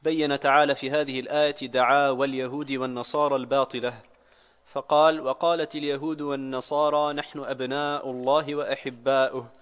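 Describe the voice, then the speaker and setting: Guy reading the text out slow and steady, very flat pitch, smooth voice, a bit far from the mic. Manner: reads in a measured, level recitation. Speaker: student reading the text aloud.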